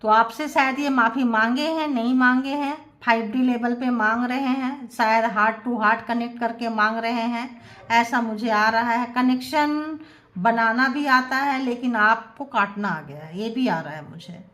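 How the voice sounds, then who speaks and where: A tarot reader, a woman with a fairly high voice, talks her viewers through a channelled reading. She moves easily between languages and slows right down when she reads out a message in English. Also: a bit bright. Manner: mixes English phrases into Hindi, reads out slow English messages.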